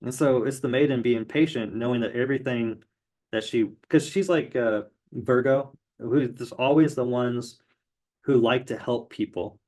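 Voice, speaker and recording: A man's voice: medium pitch, normal speed, a little mellow. Casual man explaining tarot. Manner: loose, rambling, many fillers. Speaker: tarot teacher.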